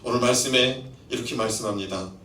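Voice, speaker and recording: A man preaching a sermon as pastor in a church, animated, acting out voices and questioning his congregation. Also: mid-range voice, a little fast, roomy sound, far from the mic, slight background noise. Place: church sanctuary.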